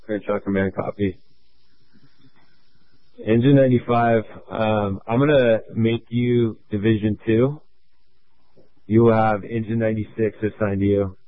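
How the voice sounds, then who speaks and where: A man's voice: fairly low pitch, fairly even intonation, no echo. A man acting as fire incident commander over a two-way radio, giving clipped orders with many fillers. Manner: clipped, procedural, halting with fillers. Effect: two-way radio transmission. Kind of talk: fire radio dispatch traffic. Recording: tinny radio channel, dry.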